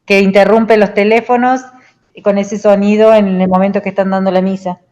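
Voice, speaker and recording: A woman's voice: mid-range voice, level tone, brisk, darkish tone, dull audio. A woman student in an online class discussion, chatty and full of tag questions.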